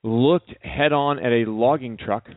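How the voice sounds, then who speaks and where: A man co-hosting a radio talk show, chatting casually with a wry, deadpan humor. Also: medium pitch, unhurried, no room sound. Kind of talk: casual chat. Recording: dry, phone-like narrow sound.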